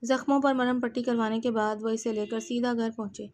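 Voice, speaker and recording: A woman narrating a romance novel in an even storytelling manner. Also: on the high side.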